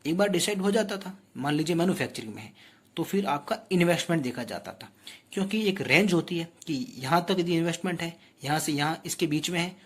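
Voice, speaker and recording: Male tutor with a slightly husky voice, explaining patiently and quizzing the class. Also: fairly high pitch, animated, brisk. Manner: explanatory, addresses students directly with rhetorical questions. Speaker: teacher. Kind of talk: exam-prep lecture.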